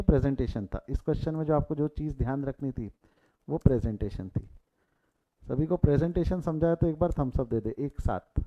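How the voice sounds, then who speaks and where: A man teaching accounting in a live online class, repeating key figures and urging students to answer in the chat. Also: on the high side. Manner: mixes English terms, repeats key figures, urges students to reply in chat. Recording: tinny phone-like audio.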